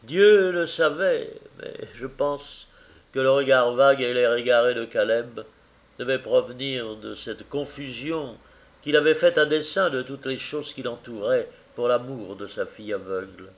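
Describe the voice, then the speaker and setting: A man narrating a classic novel as an audiobook, in a measured, expressive reading. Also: mid-range voice. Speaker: audiobook reader.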